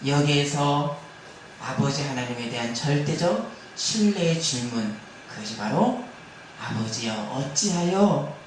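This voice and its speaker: A male pastor with a high-sitting voice preaches during an afternoon service in a church sanctuary, pushing his points with rhetorical questions and calls for amen. The hall is very echoey, the mic sits far off, and there is slight background noise.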